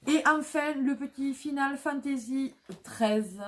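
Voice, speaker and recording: A woman's voice: high voice, slow pace, a little hiss or hum. A woman vlogging casually about flea market finds, talking with many fillers and restarts.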